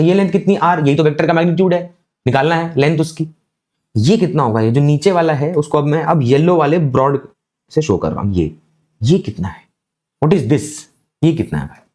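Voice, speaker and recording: A man giving a physics lecture, explaining slowly and deliberately and often checking that students follow. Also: fairly high pitch, darkish tone. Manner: slow, deliberate explaining with frequent check-ins. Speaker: physics teacher.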